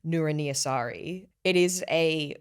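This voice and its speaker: A woman's voice: sits low, measured pace, clean tone. Giggly Australian woman co-host. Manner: giggly, teasing. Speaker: podcast co-host. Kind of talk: casual chat.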